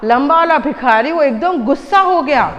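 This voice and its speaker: A woman's voice: high-pitched, expressive, moderate pace, fairly bright tone, long reverb tail, highs cut off. A woman teacher explaining a storybook lesson to young children, patiently translating each line and asking the class questions. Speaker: school teacher.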